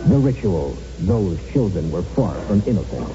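A man's voice: deep voice, big pitch swings, moderate pace. A man announcing a scripted horror advertisement in a dramatic, ominous manner. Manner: dramatic, sinister. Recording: dull lo-fi radio broadcast. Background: music.

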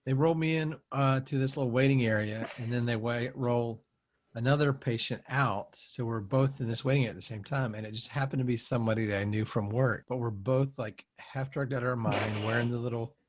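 A man's voice: medium pitch, fairly even intonation, brisk, a little hiss or hum. A man, an improv performer, telling a personal anecdote in a casual, chatty way.

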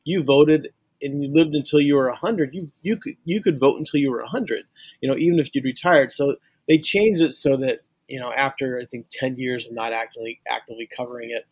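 On a relaxed podcast, a sportswriter from St. Louis, USA, talks with earnest thoughtfulness, frequently restarting sentences mid-thought. His voice is medium-pitched and the audio has no echo.

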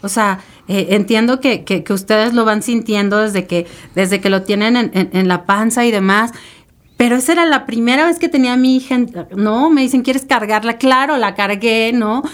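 Speaking at a moderate pace in a slightly high voice, this woman appears as an interview guest on a podcast. She rambles through a personal story with emotion, leaning on fillers and tag questions.

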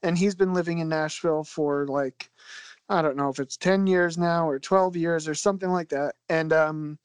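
A man's voice: on the high side, steady tone, moderate pace, clear, resonant tone, no echo. Rambling self-deprecating man from Philadelphia. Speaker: podcast guest, album designer. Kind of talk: casual chat.

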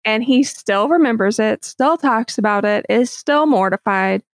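A woman's voice: fairly high pitch, a little slow, no room sound, studio quality. A woman in her thirties hosting a casual chat, upbeat and chatty, laughing easily as she talks. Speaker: host.

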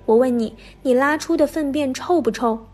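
Patient old monk, read by a woman. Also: sits high. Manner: gentle, unhurried questioning. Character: calm, patient elderly male monk teacher.

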